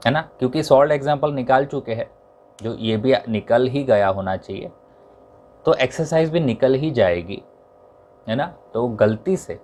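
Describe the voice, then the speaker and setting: A male teacher calmly going through which examples and exercises students should tick or cancel, mixing English terms into his Hindi. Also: medium pitch. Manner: methodical, lists items to tick or cancel. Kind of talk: exam syllabus walkthrough.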